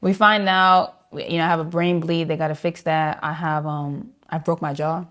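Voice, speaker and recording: A woman's voice: low voice, level tone, normal speed. A woman saxophonist being interviewed, telling a story vividly and acting out the voices of people she quotes. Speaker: jazz saxophonist guest.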